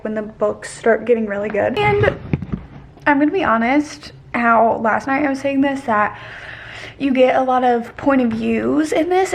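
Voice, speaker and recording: Young woman chatting about her books, a bit high voice, gushy and rambly. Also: a little mellow. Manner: chatty and gushing, unsure of fantasy names. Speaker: book vlogger. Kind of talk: casual chat.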